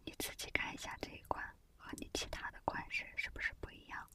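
A woman's voice: fast, close to an everyday voice. Woman acting a whispering, coaxing saleswoman, whispered role-play. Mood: pushy, coaxing. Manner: coaxing, persuasive customer-service patter.

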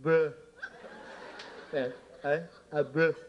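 A man's voice: fairly high pitch, fairly even intonation, very slow, muffled recording, a little hiss or hum. A man with a Cuban accent doing live stand-up in a nightclub, brashly teasing the audience and slipping into broken English. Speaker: stand-up comedian working the crowd.

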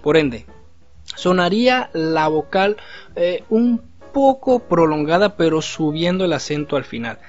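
A man teaching a video language lesson, explaining patiently and slowly repeating example syllables. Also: on the high side, animated. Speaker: Cantonese teacher. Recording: slightly dull recording with faint music.

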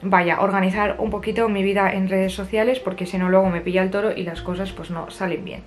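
Chatty young woman, slightly husky. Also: mid-range voice, steady tone, fairly quick, soft background music. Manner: chatty, self-mocking, upbeat. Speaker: vlogger. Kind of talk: casual vlog chat to camera. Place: her bedroom, indoors. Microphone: camera at arm's length or on the desk.

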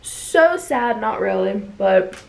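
A woman's voice: medium pitch, animated, takes it slowly, vocal fry. A young woman in college, filming a casual vlog in her dorm, chatty and upbeat with lots of fillers. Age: young adult. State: out of breath while walking. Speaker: college student vlogger. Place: college dorm room and outdoors walking.

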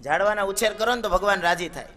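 A man's voice: high-pitched, fast, pushed and bright, faint music behind. A man, a katha preacher telling a devotional story sermon. He chants Sanskrit verses and voices the characters' dialogue as he narrates.

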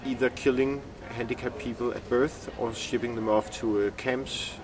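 A man in his thirties with a Danish accent gives reflective interview answers, halting as he searches for words. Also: medium pitch, fairly even intonation, crowd noise. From Denmark. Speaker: filmmaker being interviewed. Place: outdoor courtyard among glass buildings. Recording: distant mic outdoors, urban bustle behind.

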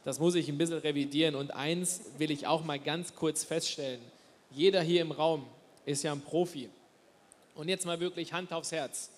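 A man's voice: fairly high pitch, fairly even intonation, moderate pace. A man from Spain speaking emphatically in a panel discussion. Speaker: panel guest. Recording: long reverb hall with faint ambience.

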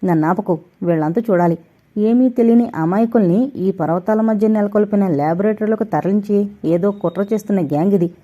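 Furious young hero, voiced by a woman, shouting, mellow dark tone. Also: mid-range voice, fairly quick, muffled recording, lightly acted. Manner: angry shouting.

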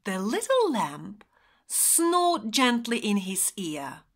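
A woman teacher reading a picture book aloud to young children, expressive and dropping to whispers for effect. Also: medium pitch, takes it slowly, slight background noise.

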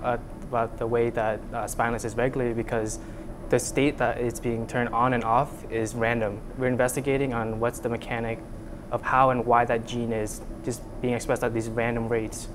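A young Vietnamese undergraduate researcher describes his lab work in a casual interview, recorded indoors at a university lab on a lapel mic. His medium-pitched voice stumbles with many fillers and restarts, and the background is noisy.

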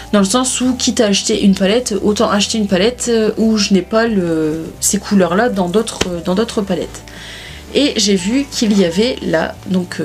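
A woman, chatting casually to camera about her beauty purchases, with lots of hesitations and restarts. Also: medium pitch. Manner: chatty, many fillers and restarts. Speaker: beauty vlogger. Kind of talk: casual haul chat to camera.

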